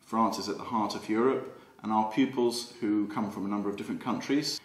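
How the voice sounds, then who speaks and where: A man on the school staff, explaining the school for a promotional film in a measured, earnest way. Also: fairly low pitch, fairly even intonation. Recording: roomy echo.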